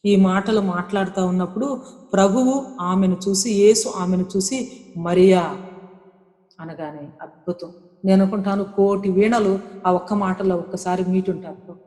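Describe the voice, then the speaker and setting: A woman's voice: mid-range voice, normal speed, warm tone. A woman delivers a sermon with earnest conviction, circling back to the same phrases and mixing in English words. Her voice rings through a roomy hall with a long reverb tail. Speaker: preacher.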